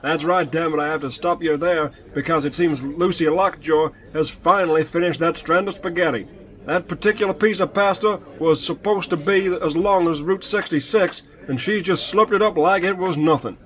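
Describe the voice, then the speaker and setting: A man's voice: on the high side, normal speed, a bit bright, close to an everyday voice. A British man playing an earnest sports commentator in a comedy sketch, calling an eating contest play by play. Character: male sports commentator Rick, keen and earnest.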